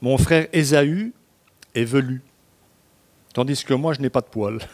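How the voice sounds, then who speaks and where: A man's voice: mid-range voice, a little slow, a little mellow, lightly acted. A man reading aloud the lines of a young son who deceives his father, in an earnest, slightly raised voice.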